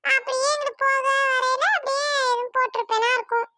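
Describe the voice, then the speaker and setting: A squeaky teasing cartoon guy. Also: little pitch movement, fast, pushed and bright, dry recording, clean studio sound, faint music behind, exaggerated voice. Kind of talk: cartoon voice acting.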